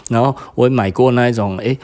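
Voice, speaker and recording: A man's voice: mid-range voice, fast talker. A middle-aged man with a Taiwanese Mandarin accent, chatting casually as a podcast host and shop owner, laughing often. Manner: chatty, laughs often, quotes others in lively bursts.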